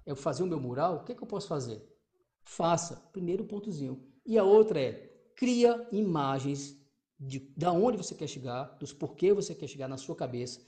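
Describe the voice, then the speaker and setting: A man with a Brazilian accent giving an energetic motivational talk as a coach, emphatic, repetitive and swearing freely, asking rhetorical questions. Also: on the high side, moderate pace. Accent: Brazilian Portuguese. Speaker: motivational coach for exam candidates.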